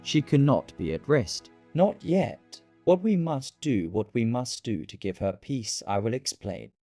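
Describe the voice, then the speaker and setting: Man acting a grave, animated old vampire hunter over music. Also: mid-range voice, dry recording. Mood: solemn warning. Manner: emphatic, deliberate, repeating key words. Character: grave elderly male doctor, expert vampire hunter. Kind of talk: horror audio drama monologue. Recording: loud music behind the voice.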